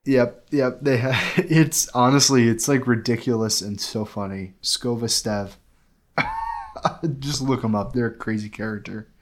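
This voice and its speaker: A man co-hosting a gaming podcast, chatting casually and excitedly, rambling with lots of filler words. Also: mid-range voice, normal speed, few pauses, slight background noise. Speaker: podcast co-host. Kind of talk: casual game review chat.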